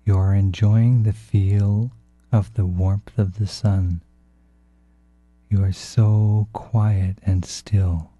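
A man narrating a guided relaxation in a soft, hushed, calm and unhurried way, as a meditation guide. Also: lowish voice. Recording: dull, roomy, echoing sound.

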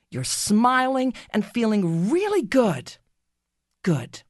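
Woman narrator for children's guided meditation: unhurried, soothing, gently instructive, with melodic pitch movement and a close, dry sound. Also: dry recording. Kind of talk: scripted guided meditation story.

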